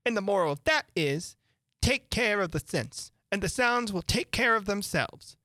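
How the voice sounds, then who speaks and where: A reader voicing a fussy old duchess who moralizes about everything, in a high sing-song way. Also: lively intonation, moderate pace, pushed and bright, no room sound, clean studio sound. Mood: preachy. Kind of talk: audiobook character voice.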